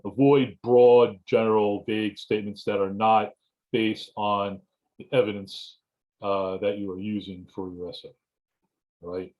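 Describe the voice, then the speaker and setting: A man lecturing informally to students as a writing instructor on a video call, halting and often restarting his phrases. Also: lowish voice, completely flat delivery. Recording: dull, muffled lo-fi audio.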